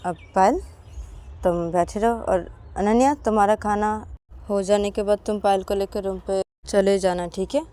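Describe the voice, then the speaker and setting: Brief: woman playing a gentle mother in a storybook, soothing and steady. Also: mid-range voice, moderate pace, close to an everyday voice. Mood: calm. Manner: soothing, reassuring. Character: gentle, calm middle-aged mother.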